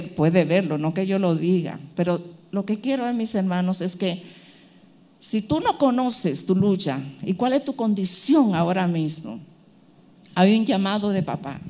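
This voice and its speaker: A woman's voice: mid-range voice, warm tone. Woman preaching an emphatic sermon. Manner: emphatic, repeats phrases, acts out quoted voices.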